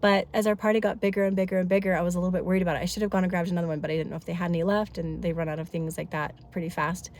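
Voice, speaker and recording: A family vlogger in her thirties talks very fast with few pauses, her fairly low, slightly mellow voice staying level. Congested with a head cold, she chats on and on, wandering into lots of asides.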